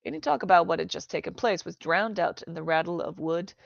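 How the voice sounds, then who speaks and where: A woman reading a novel aloud as a storyteller, in an even, unhurried way. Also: lowish voice, gravelly, no room sound. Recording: dry, dull lo-fi recording.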